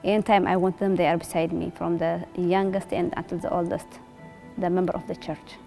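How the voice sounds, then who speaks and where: A woman speaks earnestly in a documentary interview, using simple, direct phrasing. Her voice is low-pitched and warm. Faint music runs beneath her. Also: flat delivery, brisk, vocal fry. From Eritrea. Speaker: resettled refugee.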